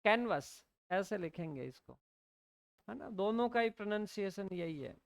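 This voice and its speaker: A woman's voice: medium pitch, expressive, vocal fry, darkish tone, no room sound, clean studio sound. A woman teacher explaining English vocabulary, mixing Hindi and English, spelling out words letter by letter and often checking in with "है ना?". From India. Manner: explains slowly, often asks "है ना?" to check understanding. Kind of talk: classroom lesson in Hindi mixed with English.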